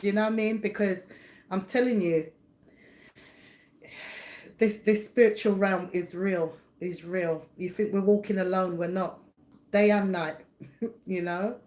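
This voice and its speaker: A woman's voice: medium pitch, darkish tone. A middle-aged woman, hosting a casual live chat from home, chatty and rambling, laughing often and greeting viewers by name. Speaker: livestream host and psychic reader. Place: home, indoors.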